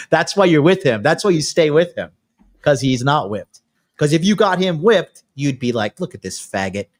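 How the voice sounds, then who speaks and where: Brash, boastful male podcast host, late thirties, animated delivery. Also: on the high side, moderate pace. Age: 30s. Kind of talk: casual podcast chat.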